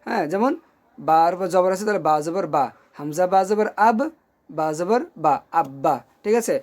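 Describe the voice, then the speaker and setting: Patient teacher drilling syllables slowly. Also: mid-range voice, a little mellow. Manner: patient, checks in often with "okay?". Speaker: Quran reading teacher. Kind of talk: recorded online lesson.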